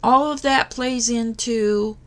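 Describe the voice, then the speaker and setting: A woman's voice: fairly high pitch, steady tone, takes it slowly, a bit bright. A tired woman hosting a crafting channel, talking casually to her viewers late at night. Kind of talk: casual tutorial talk to viewers.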